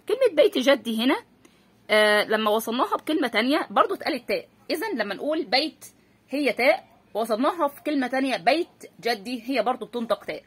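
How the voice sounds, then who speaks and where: A woman's voice: on the high side, breathy edge. A woman teacher with an Egyptian accent, giving a patient spelling lesson for children and asking and answering her own questions. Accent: Egyptian Arabic.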